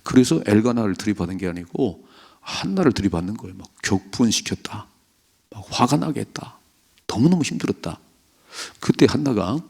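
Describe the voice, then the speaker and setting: Gravelly low-voiced male pastor. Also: darkish tone. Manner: conversational preaching, acts out quoted voices. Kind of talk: early morning prayer sermon.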